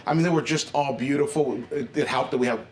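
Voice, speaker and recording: A man's voice: mid-range voice, fast. A man doing a casual interview in an enthusiastic, upbeat way. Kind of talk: casual vlog-style interview. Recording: noisy with ambient background sound.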